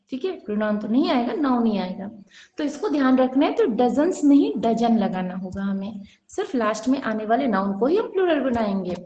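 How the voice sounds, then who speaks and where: A woman's voice: high voice, darkish tone, reverberant, poor audio. A woman teaching English grammar in an online class, explaining in Hindi and asking rhetorical questions as she goes.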